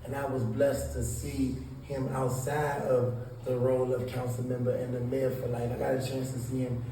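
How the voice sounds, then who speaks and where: A man from Southeast D.C., the guest in an interview, answers sincerely but keeps restarting his words as he searches for them. His voice is medium-pitched, level, and warm at a normal speed. A distant mic catches him a bit off-axis in an echoey room with faint noise.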